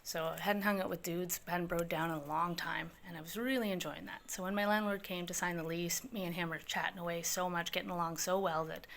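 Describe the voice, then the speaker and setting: A woman telling a wild personal story in casual, animated, profane language, jumping into high voices when she quotes people. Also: fairly quick, vocal fry, hardly any pauses, a little hiss or hum.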